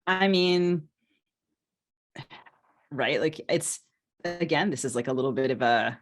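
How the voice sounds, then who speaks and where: A woman who is a novelist and podcast co-host chats casually about writing in a low, animated voice at a slow pace. She's informal and self-deprecating, often groping for the right phrase.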